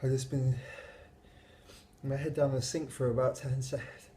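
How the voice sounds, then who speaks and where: A man's voice: mid-range voice, little pitch movement, normal speed, dark tone. A young adult man talking casually to camera as a YouTuber, recorded in a small room at arm's length. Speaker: YouTuber doing a challenge. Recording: roomy echo, music behind.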